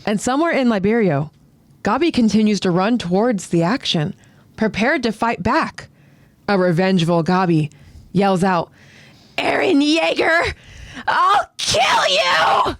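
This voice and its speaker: A man's voice: high-pitched, expressive, moderate pace, no room sound. A man co-hosting and narrating, moving between dramatic scripted storytelling and casual chat. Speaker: narrator and co-host.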